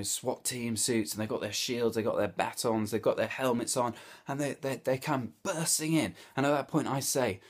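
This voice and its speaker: A man giving a devotional Bible talk, telling the story in a lively, storytelling way. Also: medium pitch. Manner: storytelling, animated, with vivid hypotheticals. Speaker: Bible teacher.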